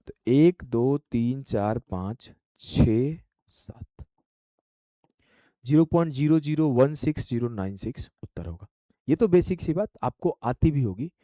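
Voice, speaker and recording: A man teaching a math lesson, briskly counting out digits and coaxing his students along. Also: fairly high pitch, mellow, no echo, studio quality. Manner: brisk, drills numbers aloud, coaxing students. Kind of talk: classroom-style math lesson.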